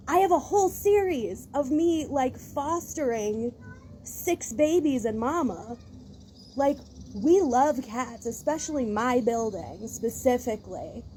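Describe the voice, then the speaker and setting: A woman's voice: fairly high pitch, mellow, a little hiss or hum. A woman vlogger in a casual rant, talking in a rambling, exasperated way with many restarts.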